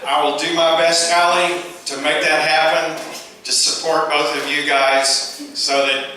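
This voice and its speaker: A middle-aged man delivers a father of the bride speech in halting, short phrases. His voice is bright and projected. It is recorded from a distance in a very echoey reception room. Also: on the high side, flat delivery. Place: large room at a wedding reception. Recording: echoey, noisy reception room, far from mic.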